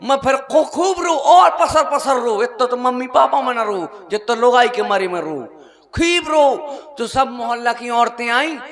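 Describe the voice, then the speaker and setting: A man's voice: very high voice, unhurried, a bit bright, big-room sound. A man performing a self-mocking comic monologue as a stage joker at an open-air village show. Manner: drawling, self-mocking storytelling. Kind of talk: folk stage comedy monologue.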